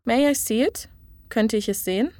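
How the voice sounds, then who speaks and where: Female tutor, clear deliberate delivery, dry close sound, for phrase-lesson reads. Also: on the high side, darkish tone, no echo. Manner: clear, measured model pronunciation. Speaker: language tutor.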